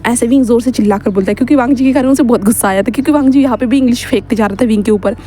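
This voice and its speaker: A woman's voice: fairly high pitch, rapid-fire, mellow, a little hiss or hum. A woman narrating fan fiction in a casual, chatty retelling with frequent fillers.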